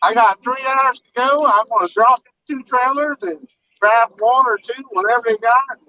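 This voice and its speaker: Laughing often and stammering as he restarts, a truck driver from Puerto Rico with a Southern US accent tells stories on a livestream, chatting casually by video from his truck. His very high-pitched voice is pushed and bright at a moderate pace, with no echo and a dull lo-fi sound.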